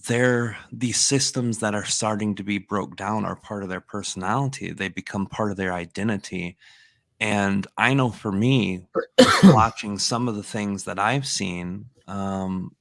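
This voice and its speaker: Low gravelly man in his forties, reflective. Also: no echo. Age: 40s. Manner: reflective, meandering, many fillers. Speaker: podcast host and channeler. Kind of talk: casual conversation.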